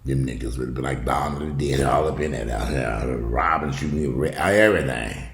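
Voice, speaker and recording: Very deep, gravelly man, blunt talker. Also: moderate pace, echoey room. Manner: blunt, profane, rambling. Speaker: video commentator. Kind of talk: casual opinionated commentary on news. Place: indoors at home.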